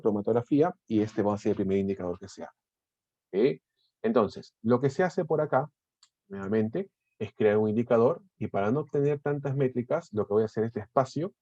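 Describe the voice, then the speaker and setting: A man teaching a software tutorial, explaining step by step, often restarting words and checking in with his listeners. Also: mid-range voice, no echo, lo-fi sound. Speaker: instructor. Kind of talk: screen-recorded software tutorial.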